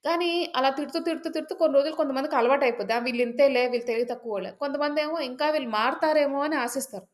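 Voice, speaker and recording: A woman's voice: high-pitched, rapid-fire, hardly any pauses. A woman storyteller telling a folk tale in a chatty, casual way, with many fillers and asides.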